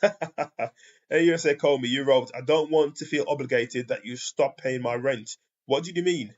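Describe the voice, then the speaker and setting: A man's voice: medium pitch, normal speed, lo-fi sound. A British man, a commentator, reading out trial testimony in a plain voice and reacting to it. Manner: reads transcript flatly, then rants loudly with laughter.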